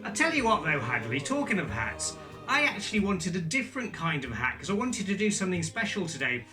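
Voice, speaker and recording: Male kids party magician, high voice, playful bumbling patter with lots of questions to the children, distant mic over music. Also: sing-song, brisk, sharp tone. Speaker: children's magician entertainer presenting a Christmas show. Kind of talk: kids' party magic show patter, chatty and interactive. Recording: distant microphone, music behind.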